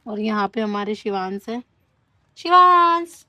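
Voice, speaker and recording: A woman's voice: a little high, normal speed, highs cut off. A mother filming a casual family vlog at home, firmly scolding her children and then chatting with viewers.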